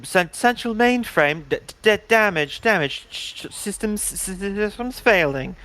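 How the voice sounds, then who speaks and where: A man's voice: high voice, lively intonation, a little slow, sharp tone, pitched above the performer's own voice, exaggerated voice. Man doing a glitching robot ship computer. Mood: alarmed glitching. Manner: stuttering, repeating words like a malfunctioning machine. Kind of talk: tabletop game narration.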